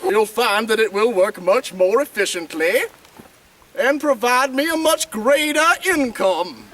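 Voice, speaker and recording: Dude playing a greedy stuck-up mayor, high shiny voice, kinda far off. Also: male voice, lively intonation, a little slow, a bit bright, a little hiss or hum, full character voice. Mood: pompous. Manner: pompous, formal diction. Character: greedy pompous male town mayor.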